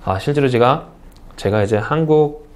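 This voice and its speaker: A man from South Korea lectures on an English speaking test in an online course. He is lively and engaged, firing questions at his class and answering them himself. His voice sits at an ordinary middle pitch. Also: moderate pace.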